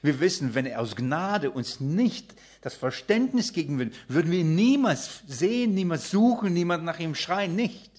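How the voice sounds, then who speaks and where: A man with a somewhat high voice preaches a sermon to his congregation. He is emphatic and animated, swinging from loud bursts to near-quiet passages. He acts out the people he quotes as he goes. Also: moderate pace, hardly any pauses.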